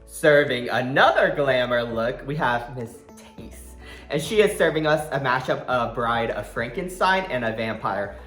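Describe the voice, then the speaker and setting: A man's voice: mid-range voice, animated, a little slow, a bit bright. A man co-hosting a casual video review, chatting in a sassy, slangy, campy way. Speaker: co-host of drag show review. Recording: roomy echo with music behind.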